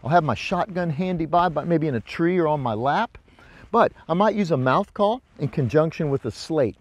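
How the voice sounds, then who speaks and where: A man's voice: a little high, expressive, moderate pace. A man giving a casual hands-on demonstration as an instructor, explaining in an informal, folksy way outdoors. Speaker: hunting instructor, presenter. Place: outdoors in brush by a ravine.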